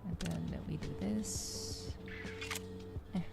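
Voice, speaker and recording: A woman streamer and VTuber host speaks to her chat extremely slowly in a low, steady, softly creaky voice. With music in the background, she gently feels her way through casual game commentary in an ASMR style.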